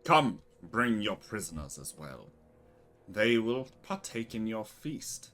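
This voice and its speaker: A man's voice: on the low side, very animated, fairly bright tone, faint music behind, pitched above the performer's own voice, full character voice. A man doing a grandiose male cult leader. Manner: slow, drawn-out grand proclamations.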